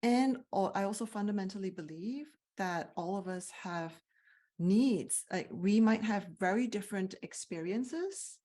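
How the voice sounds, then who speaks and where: Speaking unhurriedly in a mellow, medium-pitched voice, a Malaysian CEO coach answers interview questions with personal reflections. She's thoughtful and earnest, and fillers and restarts show up as she talks.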